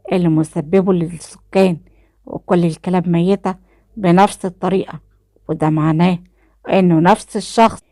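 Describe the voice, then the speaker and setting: A woman voicing a cheerful male police colleague with an Egyptian accent who talks slowly and playfully. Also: on the low side, dark tone, no echo, studio quality, close to an everyday voice. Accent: Egyptian Arabic. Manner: slow, playful and chirpy.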